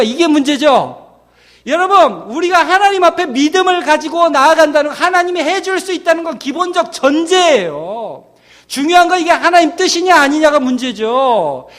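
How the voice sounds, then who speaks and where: Male pastor, very high voice, chatty preaching style with acted-out voices and hushed emphasis. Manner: conversational, acts out biblical scenes in voices; drops to near-whispers for emphasis. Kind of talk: sermon.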